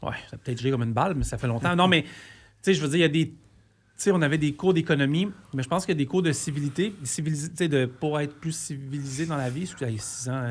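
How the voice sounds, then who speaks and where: A man in his forties with a Québécois accent, a trucker co-hosting a podcast, talking earnestly and rambling through restarts in casual discussion. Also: a little high. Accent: Québécois French. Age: 40s.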